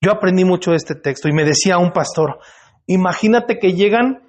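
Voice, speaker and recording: A man's voice: high-pitched, expressive, fairly quick. A male pastor, preaching in a church and putting questions to the congregation in a conversational way. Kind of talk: sermon. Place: church hall.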